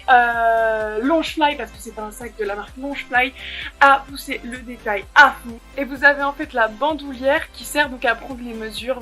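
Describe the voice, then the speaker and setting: Bright-voiced woman gushing over bags. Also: fairly high pitch. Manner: enthusiastic, many fillers and restarts. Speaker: fashion vlogger. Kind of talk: casual product showcase.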